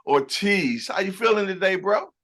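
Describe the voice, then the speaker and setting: A man's voice: sits high, animated, moderate pace, a bit bright. A man hosting a boxing channel, interviewing a guest over a video call with upbeat, brief affirmations.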